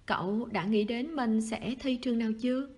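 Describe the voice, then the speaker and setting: A woman reading the lines of a wistful, quiet teenage schoolboy in a soft, husky voice. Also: normal speed. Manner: soft, low-key, sighing.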